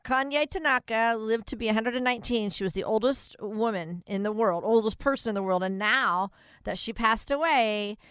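Woman, radio co-host, upbeat chat, crisp voice, dry close sound. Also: fairly high pitch, normal speed, a bit bright, no echo. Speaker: co-host reading out topics.

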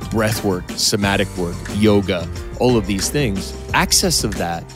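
A man's voice: fairly low pitch, animated, measured pace, music in the background. A man hosting a podcast who talks with passion and emphasis, swearing freely in a heartfelt interview. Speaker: podcast host.

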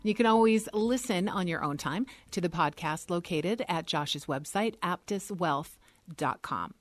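A woman's voice: on the low side, animated, a little slow, no echo. A woman hosting a radio show in a conversational presenting style. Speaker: radio co-host.

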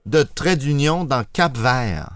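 A man with a Québécois accent talks through memory tricks in a playful, jokey way, his pitch leaping up and down as he explains. The sound is close and dry, with no room around it. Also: slow pace, dry recording. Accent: Québécois French. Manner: animated, jokey, explains with wordplay. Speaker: host teaching mnemonics. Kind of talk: playful educational chat.

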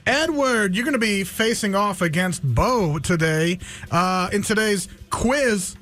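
A man's voice: high-pitched, animated, measured pace, a bit bright. A man co-hosting a radio show, playful and teasing as he questions the callers. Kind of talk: casual radio banter.

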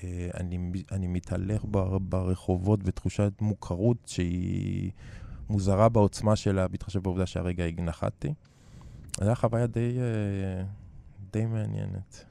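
A middle-aged man talks in a low, mellow voice, his Hebrew coloured by a French accent. He is reflective and hesitant, leaving long gaps as he looks for the right word in an interview. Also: steady tone, vocal fry. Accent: French-tinged Hebrew. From Israel. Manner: hesitant, searching for words with long pauses. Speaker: interview guest, artist.

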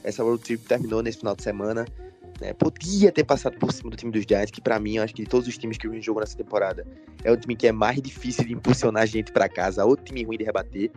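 A man's voice: lowish voice, fast talker, darkish tone, soft background music. A man, co-hosting a podcast in casual sports chat. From Recife, Brazil. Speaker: podcast co-host.

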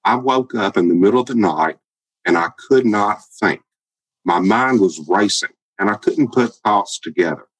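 A man in his fifties with a Southern Alabama accent speaks as an interview guest. His voice sits on the low side and sounds plain-spoken and candid. The recording is dry and close. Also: expressive, normal speed, breathy edge, dry recording, poor audio. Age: 50s. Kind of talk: podcast interview.

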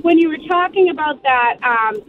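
A woman's voice: high voice, animated, moderate pace. A woman calling into a radio show, thoughtfully reminiscing about older relatives. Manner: reflective, reminiscing. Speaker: caller. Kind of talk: phone-in chat. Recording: tinny phone line with faint hiss.

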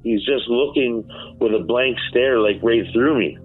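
A man's voice: medium pitch, measured pace, slightly rough, faint music behind. Man on a tinny phone line. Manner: emphatic, candid, repeats words, swears. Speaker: former inmate recounting events. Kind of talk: recorded phone interview.

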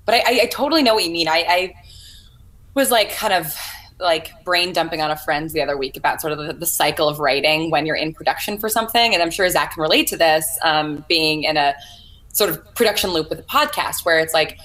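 Lowish-voiced woman chatting casually. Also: fairly quick, fairly bright tone. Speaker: guest, audio drama writer. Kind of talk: casual livestream chat.

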